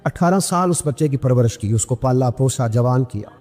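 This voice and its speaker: A man preaching an impassioned sermon, telling stories and acting out the quoted voices with sudden leaps upward in pitch. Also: expressive, darkish tone, in a large hall, soft background music. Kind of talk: Urdu sermon with storytelling.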